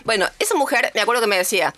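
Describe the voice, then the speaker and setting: A woman with a Rioplatense accent giving an animated, mocking comedic monologue and acting out voices. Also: fairly high pitch, very fast. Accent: Rioplatense Spanish.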